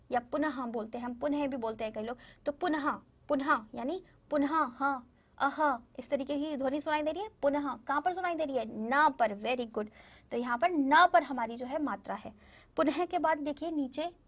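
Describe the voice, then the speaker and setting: A woman teaching a Hindi lesson to young children. She repeats each word slowly and keeps asking the class questions. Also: sits high. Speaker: primary school Hindi teacher.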